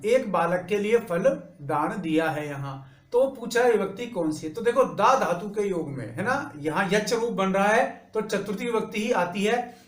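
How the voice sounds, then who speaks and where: A man teaching an exam-prep lesson, working through each answer step by step and reciting grammar rules slowly. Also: high-pitched, fairly bright tone, echoey room.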